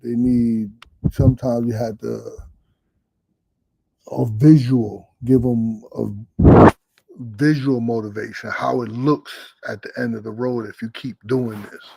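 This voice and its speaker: A man's voice: mid-range voice, gravelly, a little mellow, no echo, poor audio. A middle-aged man, a boxing head trainer, answering interview questions in a loose, candid way and swearing now and then.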